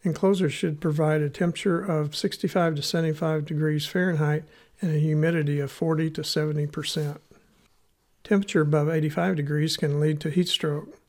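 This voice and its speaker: A man with a Missouri accent narrates a scripted educational podcast. His voice sits a little high for a man and carries a lot of gravelly fry. He sets out the material in a measured, instructional manner, as a host teaching listeners. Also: flat delivery, a little mellow. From United States, Missouri.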